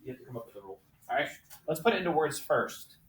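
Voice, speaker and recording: A man teaching a math class, walking students through problems with brisk, coaxing questions. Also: fairly high pitch, very animated.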